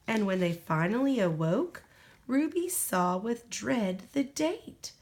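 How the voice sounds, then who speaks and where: A woman with a fairly high voice reads a children's picture book aloud, expressive and deliberate in her storytelling.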